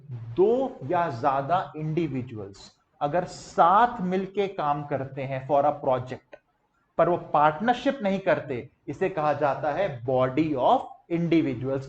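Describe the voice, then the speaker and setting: A young male teacher giving a lively classroom lecture to students in a classroom, drilling them playfully in call-and-response with hand gestures. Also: on the high side. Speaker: commerce teacher. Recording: muffled classroom recording.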